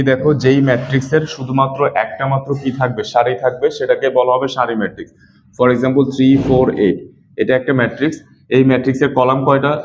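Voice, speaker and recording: A man teaching mathematics in a lecture style, repeating points and quizzing his students with questions as he explains. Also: medium pitch. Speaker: math teacher. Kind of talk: classroom lecture. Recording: dull lo-fi recording with faint noise.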